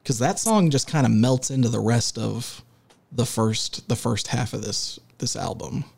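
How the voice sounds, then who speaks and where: A man co-hosting a relaxed music podcast, talking in a mid-pitched, gravelly voice. He stops and restarts often, filling gaps with "uh" as he steers the conversation. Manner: halting, many filler sounds and restarts; leads the discussion and segues. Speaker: podcast co-host. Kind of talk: casual music podcast chat.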